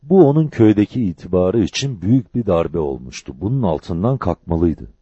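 A man reading a novel aloud as an audiobook narrator, with measured, expressive storytelling. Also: low voice, slightly rough, no echo. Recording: dull lo-fi dry recording.

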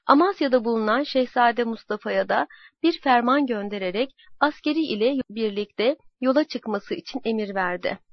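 A woman narrating a historical story in a slow, dramatic and measured way. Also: fairly high pitch, dry recording. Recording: dull lo-fi dry recording.

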